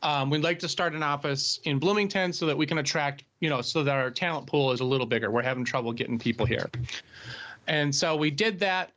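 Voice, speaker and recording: A man from the telling a story on a podcast in a lively way, often laughing as he talks. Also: fairly high pitch, fairly quick. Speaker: podcast co-host. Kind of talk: casual podcast chat.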